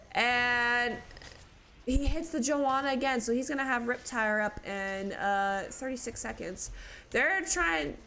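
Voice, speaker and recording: Slight background noise sits under a high-pitched woman giving live esports play-by-play. Her allergies make her sound stuffy, yet she grows excited as the fights tighten.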